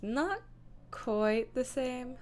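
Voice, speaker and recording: A livestream host with a high, animated voice chats casually while editing images, half muttering to herself and speaking extremely slowly. Lo-fi music plays softly behind her, along with the sound of keyboard typing.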